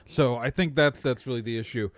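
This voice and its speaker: A man in a relaxed panel podcast, talking things through in a rambling, halting way. His voice sits at an ordinary middle pitch, and he keeps restarting and circling back mid-thought. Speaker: podcast co-host. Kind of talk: casual panel chat.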